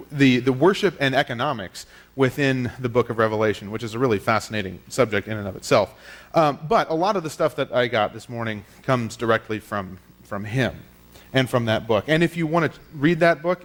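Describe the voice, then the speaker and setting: A pastor giving a teaching sermon at a pulpit microphone in a church, explaining in a plain, conversational way with small fillers. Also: male voice, mid-range voice. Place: church sanctuary.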